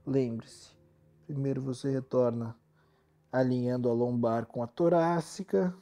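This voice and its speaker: A male yoga instructor with a Brazilian accent leads relaxation at a measured pace. His mid-range voice is soothing and calm, and he instructs gently.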